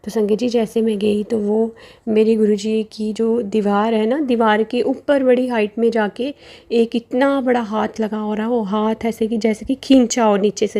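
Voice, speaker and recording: A woman in her forties telling a devotional story to listeners, slow and earnest, pausing often and addressing them respectfully. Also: medium pitch, flat delivery, gravelly, warm tone. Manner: slow, earnest, with frequent pauses. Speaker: devotee sharing experiences.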